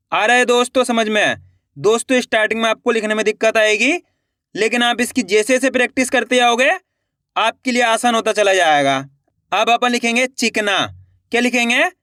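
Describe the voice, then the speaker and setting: A man teaching spelling slowly and patiently, asking the viewer questions, repeating each word and dropping low as he finishes it. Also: sharp tone, no echo, studio quality. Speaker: Hindi writing teacher. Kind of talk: slow, patient spelling lesson.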